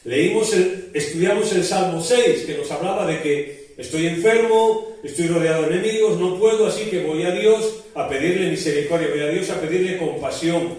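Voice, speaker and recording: A man's voice: a little high, normal speed, darkish tone. A male pastor preaching a sermon, explaining with frequent restarts and rhetorical questions. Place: church. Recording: very echoey church hall from a distance.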